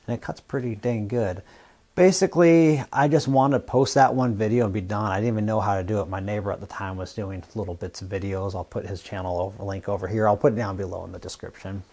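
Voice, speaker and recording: A man from the US Northwest who hosts a fabrication channel, talking casually and plainly to camera in a relaxed, rambling way. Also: on the low side, fast. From Washington State, US Northwest. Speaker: YouTube fabrication channel host.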